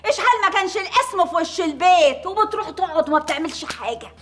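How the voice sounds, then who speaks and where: A woman's voice: very high-pitched, animated, very fast, fairly bright tone. An actress playing a bossy, theatrical mother who tells spooky stories, in a comedy series with music under it. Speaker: mother telling scary stories.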